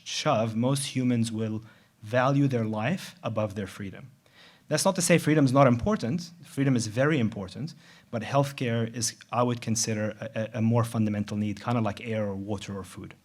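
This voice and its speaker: A middle-aged man who grew up in Dubai, giving a conference presentation in a conversational, measured way with some restarts. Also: mid-range voice. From Middle East, grew up in Dubai. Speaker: conference speaker, surgeon. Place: large venue.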